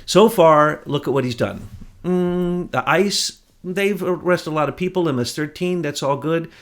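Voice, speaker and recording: A man co-hosting a political talk show, speaking in an indignant, emphatic way that rises to near shouts. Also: a little high, moderate pace. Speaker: podcast co-host. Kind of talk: heated political commentary.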